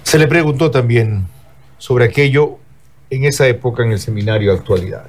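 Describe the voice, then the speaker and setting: A man hosting a TV interview show, introducing his guest in a measured, formal way. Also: medium pitch. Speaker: host.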